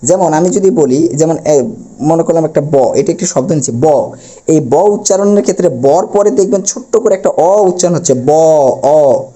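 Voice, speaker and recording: A man's voice: a little high, fairly quick, dark tone. A male teacher from Bangladesh giving a grammar lesson at a board, asking questions and answering them himself. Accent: Bangladeshi Bengali. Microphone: camera he adjusts himself.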